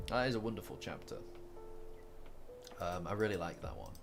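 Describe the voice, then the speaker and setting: A man's voice: deep voice, sing-song, normal speed, gravelly. A man hosting a casual livestream, rambling with many fillers, repeated words and restarts. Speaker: manga commentary livestream host. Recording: faint lofi music behind. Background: faint lofi guitar music.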